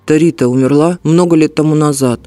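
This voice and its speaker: A man voicing a calm, stern ancient golden dragon in an audiobook, measured and unhurried. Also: on the high side, dry recording, close to an everyday voice.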